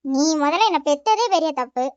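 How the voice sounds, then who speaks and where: A woman voicing a loud, rude, hot-tempered teenage daughter in a cartoon, with a Tamil accent. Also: sits high, animated, normal speed, no echo, lo-fi sound. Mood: angry. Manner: yelling, rude.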